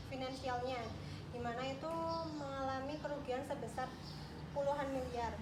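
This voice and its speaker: A woman playing a legal expert in a parody news interview, explaining in a halting manner. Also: high-pitched, lightly acted. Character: female legal expert explaining a fraud case. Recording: echoey with loud background noise.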